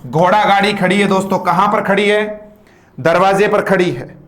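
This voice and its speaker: A man teaching a live online English grammar class in Hindi. He reads English example sentences slowly and then explains them in Hindi, playfully correcting mispronounced words. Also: sits high, fairly even intonation, fairly bright tone, reverberant.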